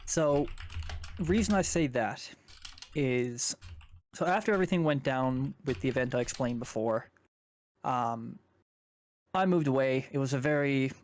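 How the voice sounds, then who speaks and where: A man's voice: mid-range voice, a little hiss or hum. A young man from Canada, a guest on a chat stream, rambling casually through a personal story and swearing now and then.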